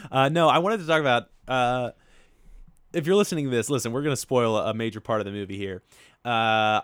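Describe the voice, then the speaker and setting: A man's voice: medium pitch, dry recording. Male podcast co-host, mid-range voice, rambling, laughs a lot. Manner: laughs often, rambling with many ums and uhs. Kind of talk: casual movie-review podcast chat.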